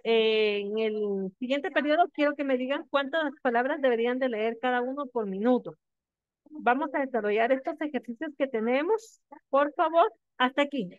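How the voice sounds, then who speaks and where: A woman's voice: sits high, no echo. A woman teacher giving a lesson to her students, explaining steps patiently and often checking that they follow. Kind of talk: classroom lecture. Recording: dry, tinny phone-like sound.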